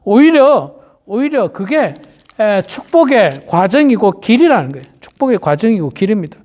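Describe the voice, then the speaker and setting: A male pastor delivers an early-morning sermon with a lively voice that swings up and down. He keeps circling back to the same phrases and calls out to the listeners over and over. He slips into little voices for the churchgoers he quotes. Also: high-pitched, moderate pace. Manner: repeats key phrases and often addresses the congregation directly.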